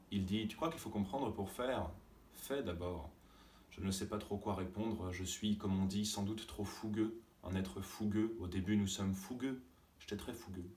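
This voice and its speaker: A male stage actor delivering a theatrical monologue as a fiery young man with a strong voice, his tone moving between measured recall and angry outbursts. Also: fairly low pitch, darkish tone, lightly acted. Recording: roomy stage sound from a distance.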